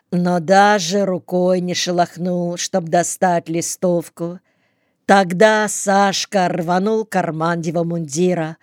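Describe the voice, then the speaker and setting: A woman narrating an audiobook in a measured, unhurried reading on a close microphone. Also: fairly low pitch, darkish tone, no echo. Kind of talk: scripted narration.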